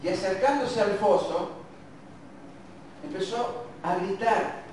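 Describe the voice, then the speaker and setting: A man's voice: sits high, a little mellow. A man with an Argentine accent preaching and reading scripture, musing aloud and correcting himself. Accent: Argentine Spanish. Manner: slow, reflective, muses aloud and self-corrects. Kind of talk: sermon with Bible reading. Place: church hall. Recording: very echoey church, distant mic, faint hiss.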